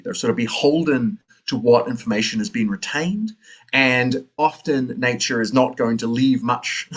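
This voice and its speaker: A man's voice: medium pitch, a bit bright. A man with a New Zealand accent giving an academic lecture, thinking aloud with many fillers and tag questions.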